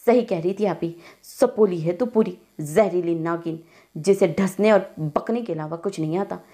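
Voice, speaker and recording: A woman voicing a sharp-tongued young woman who taunts and insults her sister. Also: on the low side, moderate pace, lightly acted. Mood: taunting.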